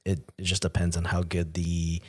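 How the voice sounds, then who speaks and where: A man co-hosting a podcast in a relaxed, casual technical chat, sharing tips from his own experience. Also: low voice, normal speed, breathy edge. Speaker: podcast co-host.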